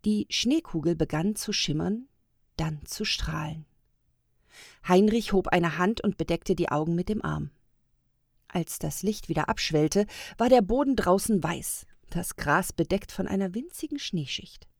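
A woman reads a storybook tale aloud in a calm, measured way. Her voice is fairly low with a gravelly edge, and her pitch moves a lot. The recording is close and dry, without room sound. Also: no room sound. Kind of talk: storybook narration.

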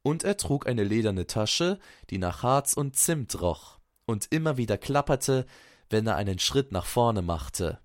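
A man reading a fairy-tale story aloud in a calm, soft-spoken way. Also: mid-range voice, unhurried, dry recording, clean studio sound. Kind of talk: scripted storybook narration.

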